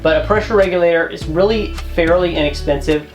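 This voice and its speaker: A man's voice: a little high, brisk, faint music behind. Joking, chatty man giving RV tips. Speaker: RV travel vlog co-host. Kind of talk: casual how-to chat.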